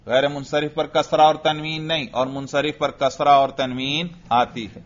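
A man teaching an Arabic grammar lesson in Urdu, quizzing his students and slowly reciting example sentences. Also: fairly high pitch, little pitch movement. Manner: drills students with questions, slow emphatic recitation of examples. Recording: dull lo-fi recording.

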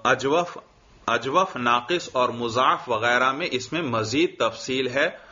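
Man teaching a classroom text, slow and bright. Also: mid-range voice. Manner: reads a line of the text, then explains it and quizzes students. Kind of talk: classroom lecture explaining a text. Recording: dull lo-fi recording.

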